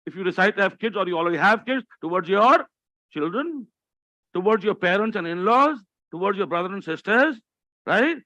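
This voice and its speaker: Man, Indian English accent, 60s, motivational speaker, joking, quizzes the crowd, high voice, dull lo-fi recording. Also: expressive, moderate pace, bright, forceful tone, no echo. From India, grew up in Delhi. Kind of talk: motivational keynote talk.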